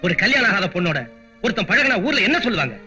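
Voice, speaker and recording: An actor playing a poor, proud, protective father, speaking gravely in a film drama. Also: high voice, big pitch swings, fast talker, music in the background. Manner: grave, pleading. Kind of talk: film dialogue.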